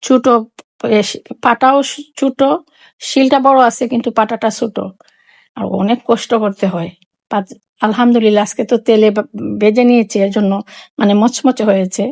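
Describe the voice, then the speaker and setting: A woman's voice: on the high side, fairly even intonation, moderate pace, long pauses, a little mellow. Sylheti-accented woman doing a home cooking vlog, chatty, keeps repeating stuff. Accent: Sylheti Bengali. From Sylhet, Bangladesh. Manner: chatty, repeats phrases, explains each step. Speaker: cooking vlogger. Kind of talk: casual cooking demonstration.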